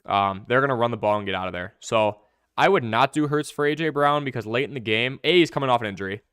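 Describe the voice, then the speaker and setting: A young man hosting a live fantasy football stream, answering viewer questions in quick, chatty commentary. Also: mid-range voice, a bit bright, clean tone, dry recording, studio quality. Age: young adult.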